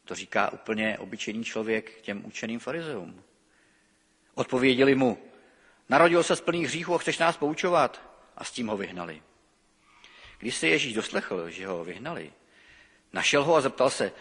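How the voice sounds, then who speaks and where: A man's voice: mid-range voice, slightly rough. A middle-aged man preaching a sermon, reading scripture expressively and then talking freely with hesitations. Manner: lively expressive reading, halting with fillers when speaking freely. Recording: long reverb of a church hall.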